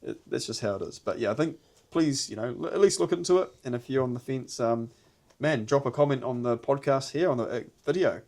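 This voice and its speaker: A man's voice: medium pitch, a little fast, hardly any pauses, darkish tone. A man with a broad New Zealand accent chatting casually and earnestly on a podcast, rambling a little and using plenty of slang. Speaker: podcast host.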